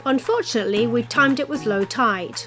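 Woman, forties, slightly high voice, relaxed chatty vlog narration, loud background music. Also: moderate pace. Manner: relaxed, chatty, plain-spoken. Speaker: sailing vlog co-host. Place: catamaran cockpit, outdoors.

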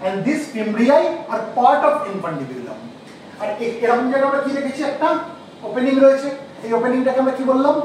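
A man teaching a class, asking questions and slowly repeating key terms. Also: extremely high pitch, lively intonation, a little mellow, a little hiss or hum. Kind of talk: classroom lecture. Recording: echoey room, mic far off.

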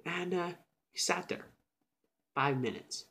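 A young man telling a personal story in a casual, animated way, dropping into whispers and then jumping up loud. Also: high voice, takes it slowly. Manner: animated, with sudden whispers and shouts.

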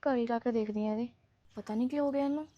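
A young woman playing a caring college student who calms her friend and coaxes an elder politely. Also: a little high, fast talker, dull audio, slight background noise, close to an everyday voice. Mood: puzzled. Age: young adult. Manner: soothing, coaxing. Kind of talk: film acting.

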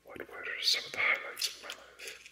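A man's voice: normal speed, bright, forceful tone, poor audio. A man voicing a scheming, sly middle-aged male courtier's ghost in a whispered role-play, teasing and confiding.

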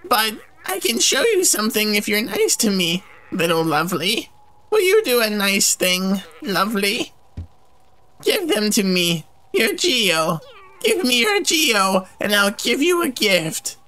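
A man's voice: sits high, big pitch swings, a little slow, sharp tone, pitched above the performer's own voice, full character voice, rough recording. A man voicing a greedy, fawning female creature that eats gifts, with a purring, warbling, sob-like delivery. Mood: wheedling. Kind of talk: game character voice during a let's play.

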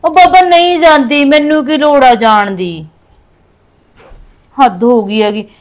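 Acting in a Punjabi short film, a young woman plays a hurt wife and speaks plaintively, complaining in an aggrieved mood. Her voice is high-pitched and unhurried.

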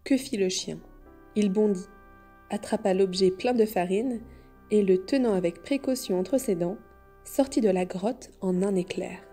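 A woman reading a classic children's story aloud in measured storyteller narration. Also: medium pitch, dark tone, breathy edge, soft background music. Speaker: audiobook reader. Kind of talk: scripted narration.

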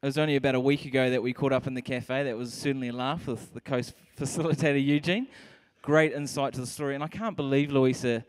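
A man's voice: medium pitch, fairly even intonation, fast, hardly any pauses. A man in his thirties hosting an on-stage interview, upbeat but stumbling on fillers, speaking into a handheld mic. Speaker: host. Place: large hall with stage and audience.

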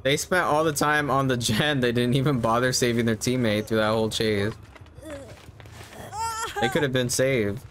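He's a game streamer in his thirties with a mid-range, slightly bright voice and fairly even intonation, speaking at a moderate pace broken by long pauses. His live commentary is relaxed and self-musing, set against clear game ambience.

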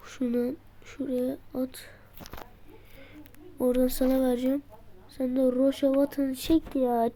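Woman, high and unhurried, gameplay tutorial commentary, excitable, grumbles at the players. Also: a little hiss or hum. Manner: excitable, mutters and shouts at the game. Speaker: gameplay video maker.

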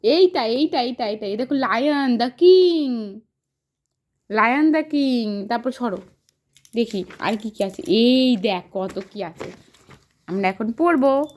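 A mother's high, swooping voice coaxes her toddler through picture words. She talks slowly and patiently, asking sing-song questions and heaping on praise. It is a casual home video. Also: animated, darkish tone.

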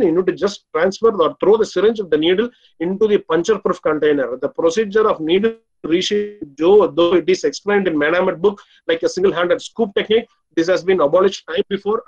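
A man's voice: high voice, breathy edge. A middle-aged man with a South Indian Tamil accent lecturing in a webinar, asking and answering his own questions over a video call. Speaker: dental lecturer. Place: small room indoors, on a video call. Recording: dull lo-fi video call audio.

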